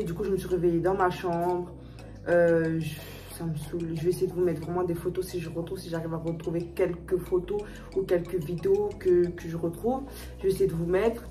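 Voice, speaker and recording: A woman's voice: on the low side, a little mellow, distant mic. A young woman vlogging a personal story to her viewers, talking emotionally and repeating herself with lots of fillers and restarts. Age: young adult. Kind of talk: storytime vlog, casual chat to viewers.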